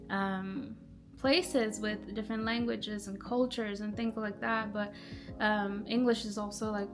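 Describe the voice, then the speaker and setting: A young woman from Nepal talks casually about her songs, piling on filler words as she goes. Her voice sits mid-range. Music plays clearly behind her. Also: mid-range voice. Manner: chatty, lots of "like" fillers. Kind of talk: casual self-introduction.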